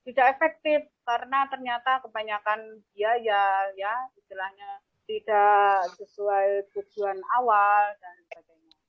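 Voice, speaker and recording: A woman's voice: mid-range voice, steady tone. A woman teacher trainer giving an online lecture, explaining step by step with "eh" fillers, her voice coming through a crackly call line that keeps breaking up. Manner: explains step by step, fills pauses with "eh" and "apa ya". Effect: choppy, crackly call audio that breaks up. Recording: dull, dry, lo-fi call line.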